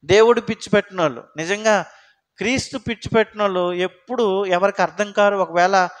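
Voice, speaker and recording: Male pastor, high voice, conversational sermon delivery with frequent questions to the congregation. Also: steady tone, a little fast.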